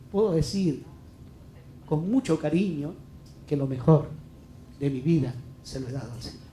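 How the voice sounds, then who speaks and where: A man's voice: on the high side, dark tone, echoey room, slight background noise. A middle-aged Peruvian man preaching a heartfelt, emphatic sermon as a pastor, full of rhetorical questions. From Peru. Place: church hall.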